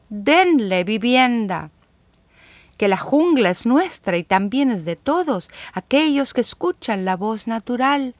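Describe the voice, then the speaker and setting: A woman reading children's poems aloud in a measured, rhythmic recitation. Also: on the high side, dry recording. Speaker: reader.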